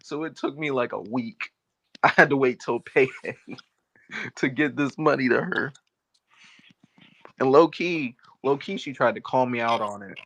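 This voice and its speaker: A man's voice: mid-range voice, measured pace, pauses often. A man telling a sports bet story with slang and laughter in casual chat. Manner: animated storytelling, slangy, laughs while talking. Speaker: podcast host.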